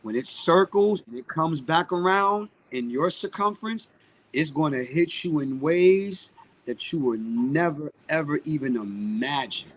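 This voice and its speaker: This male guest on a live podcast interview is a singer and music producer from Brooklyn, New York, with the accent to match. Pitched on the high side and a little slow, he talks with lively intonation, emphatic and outspoken, hammering points home by repeating phrases.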